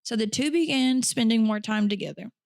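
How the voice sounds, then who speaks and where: Creaky-voiced woman telling a true crime story. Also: on the high side, brisk, darkish tone, no echo. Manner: chatty, with blunt profane asides. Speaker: podcast host.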